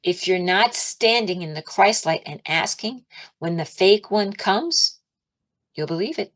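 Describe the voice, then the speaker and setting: A woman giving an informal, chatty sermon, animated, laughing often and raising her voice to act out her pleas to God. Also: mid-range voice, a little slow. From Italian and Irish heritage. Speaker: spiritual teacher.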